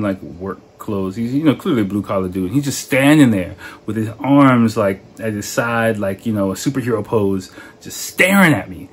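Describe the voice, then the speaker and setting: A man with a husky, slightly low voice, rambling through a casual podcast story. He fills his talk with "like" and "you know" and often breaks into laughter. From United States. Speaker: podcast host.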